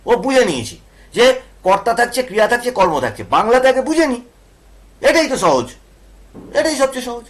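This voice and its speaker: A man's voice: very high voice, big pitch swings, brisk, pauses often. A male teacher with a Bengali accent, explaining grammar to students and often checking they follow with questions. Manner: asks students questions and repeats points.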